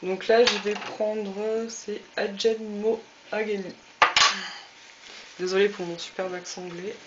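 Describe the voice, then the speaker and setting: A woman's voice: mid-range voice, fairly even intonation, normal speed, dull audio, heavy background noise. A woman hosting a casual craft tutorial, chatting through each step with lots of fillers. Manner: chatty, many fillers and little "hop" cues. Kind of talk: casual demonstration.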